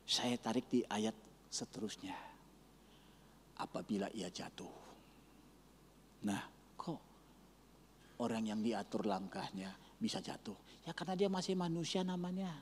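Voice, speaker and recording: A male pastor preaching a sermon, telling a story and swinging between loud exclaiming and hushed near-whispers. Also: lowish voice, lively intonation, unhurried, long pauses, slight background noise. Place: church sanctuary. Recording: church hall reverb.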